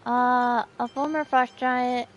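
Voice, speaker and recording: A woman's voice: on the high side, steady tone, slow, highs cut off, faint music behind. A woman streamer chatting casually while playing, reacting and reading chat aloud. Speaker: game streamer. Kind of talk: casual let's-play commentary.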